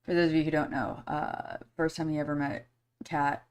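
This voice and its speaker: A woman's voice: deep voice, level tone, normal speed, clear, resonant tone. A woman hosting a podcast live stream in casual chat, candid and blunt, swearing freely and rambling with many fillers. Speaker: podcast host.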